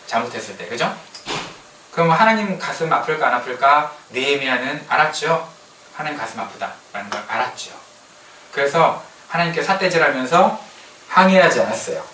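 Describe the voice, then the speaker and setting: A man preaches a lively sermon, his bright, forceful voice coming through from some distance. The hall around him rings with echo, and a faint room noise sits underneath. He keeps putting questions to the congregation as he goes. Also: medium pitch. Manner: animated, asks the congregation questions and acts out quoted complaints. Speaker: pastor.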